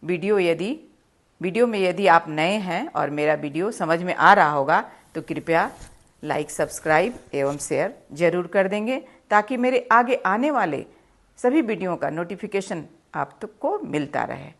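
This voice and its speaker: A woman teaching a grammar lesson, patiently explaining step by step with examples and reading example sentences slowly and deliberately. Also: fairly low pitch, expressive.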